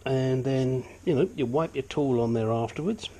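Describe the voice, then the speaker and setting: With a mellow, mid-range voice at a moderate pace, an older man describes his engine work in a cluttered home garage workshop. He's a sniffly hobbyist restorer whose casual walkthrough comes across as blunt, chatty and self-deprecating.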